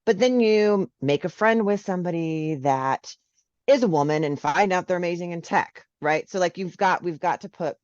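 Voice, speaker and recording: A woman's voice: on the low side, moderate pace, no room sound, highs cut off. A woman, a social worker, talking in a casual interview and often checking in with "right?". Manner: animated, frequent "right?" tags.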